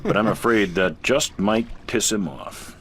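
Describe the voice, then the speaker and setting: An actor playing a sarcastic merchant ship captain stuck in port, with dry, drawn-out delivery. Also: male voice, lowish voice, expressive, a bit bright, a little hiss or hum.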